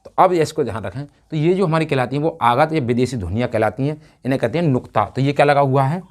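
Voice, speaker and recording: A man's voice: mid-range voice, fast talker. A man teaching a grammar lesson at a whiteboard, asking questions and answering them himself, repeating key words.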